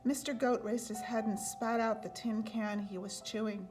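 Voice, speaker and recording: A woman narrates a children's picture book in a scripted read-aloud style. Her voice sits a little high. Soft music runs underneath. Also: steady tone, moderate pace. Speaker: storyteller.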